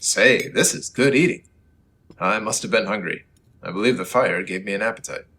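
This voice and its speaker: A man's voice: on the low side, moderate pace, pushed and bright. An actor playing Superman as an earnest, declamatory hero in the style of an old-time radio serial. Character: Superman, heroic earnest man, also mild-mannered reporter Clark Kent.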